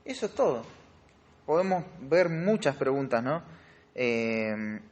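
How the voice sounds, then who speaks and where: An Argentine man with a Rioplatense Spanish accent teaches a Bible study class on grammar, explaining step by step and quizzing his students. His voice is mid-range with big pitch swings, and he speaks slowly.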